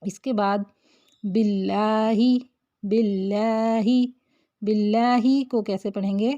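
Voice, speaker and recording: In a tajweed lesson, a woman with a steady, mellow mid-range voice teaches Quran recitation, patiently drawing out syllables one at a time to show their pronunciation. The recording is dull and lo-fi.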